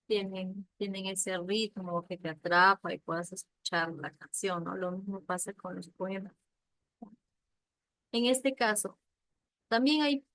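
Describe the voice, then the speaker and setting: A woman's voice: medium pitch, fairly bright tone, no echo, rough recording. A woman teaching a literature lesson, explaining patiently with examples and often checking in with a questioning "ya?".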